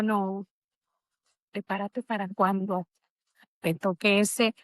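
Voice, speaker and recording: A woman's voice: mid-range voice, a bit bright, dry recording. Reflective woman recounting her grief. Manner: reflective, emotional storytelling. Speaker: interview guest. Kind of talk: conversational interview.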